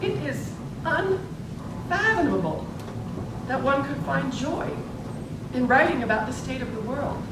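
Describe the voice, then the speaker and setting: In a live theatre presentation at a public library, an actress delivers a theatrical interview and monologue as a principled, earnest 86-year-old suffragist. Her slightly high, deliberate voice has lively intonation and an impassioned, oratorical mood. Heard from afar in a reverberant room, the recording is echoey and noisy, with clear noise behind her.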